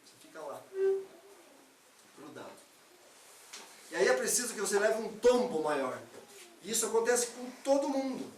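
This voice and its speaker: A man's voice: high-pitched, very animated, normal speed, pauses often, slight background noise. A man from Brazil giving an earnest, conversational spiritist lecture, acting out everyday excuses as quotes. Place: lecture hall of a spiritist center. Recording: echoey hall, speaker far from mic.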